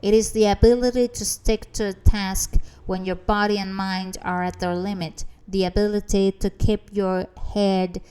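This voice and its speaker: A woman's voice: mid-range voice, flat delivery, moderate pace, few pauses, darkish tone, clean tone, natural voice. A woman reader voicing a confident motivational speaker who addresses a crowd from a stage with emphatic, rousing delivery.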